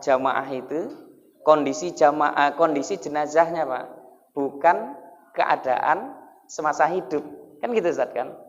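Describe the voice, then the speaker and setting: A man giving a humorous sermon, joking and quizzing the congregation, heard in an echoey hall on a dull lo-fi recording. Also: on the high side. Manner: jokey, keeps asking the crowd questions. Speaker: Islamic preacher.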